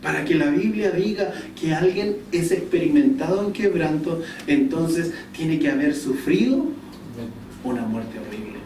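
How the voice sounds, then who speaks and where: Male preacher, mellow tone, storytelling sermon, distant mic with faint room noise. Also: a little high, animated, a little slow, roomy sound. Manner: storytelling, asks the congregation questions. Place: church hall.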